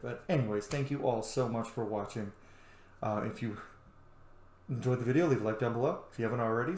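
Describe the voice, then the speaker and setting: A man hosts a video game playthrough, chatting informally, swearing, and thinking out loud. His pitch is medium, with a little hiss or hum on the recording, a roomy echo, and game music playing behind him.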